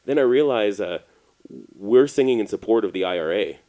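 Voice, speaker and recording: A low-voiced young man from Canada spins a bar story in loose, casual podcast chat. He laughs easily and keeps the telling lively. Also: normal speed. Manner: laughing, animated storyteller who voices people in his anecdotes. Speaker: podcast co-host.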